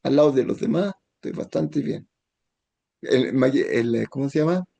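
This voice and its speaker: A man, a rabbi, teaching a Torah lesson in a gentle tone, now and then acting out the voices he quotes. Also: medium pitch, normal speed, gravelly.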